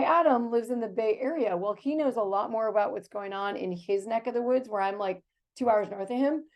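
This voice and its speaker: A woman's voice: mid-range voice, a little mellow. A woman in her fifties from the United States, hosting a casual video chat in a chatty, enthusiastic way. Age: 50s. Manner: chatty and enthusiastic, with fillers and laughs. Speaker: host.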